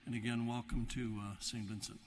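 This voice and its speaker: An older cleric, a man, giving a formal welcome in a halting way with frequent uhs, in a reverberant basilica. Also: medium pitch, little pitch movement. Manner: halting, frequent uh between phrases. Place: large stone basilica, at the ambo. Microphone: lectern microphone. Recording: reverberant basilica, faint noise.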